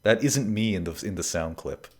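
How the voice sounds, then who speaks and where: This gaming streamer talks at a moderate pace in a voice on the low side, staying expressive throughout. His casual, jokey chatter rambles and trails into fillers.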